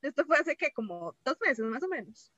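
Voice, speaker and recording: A woman's voice: high-pitched, sing-song, moderate pace, fairly bright tone, no room sound, dull audio. A woman with a Costa Rican accent telling a dream in casual chat, rambling and sprinkling in English. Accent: Costa Rican Spanish. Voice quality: chatty, rambling, mixes in English.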